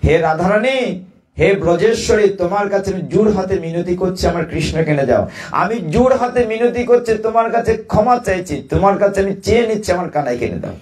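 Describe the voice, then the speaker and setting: Man doing a tearful pleading mother, lively rising pitch, devotional story telling. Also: a little fast. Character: weeping mother pleading for her son.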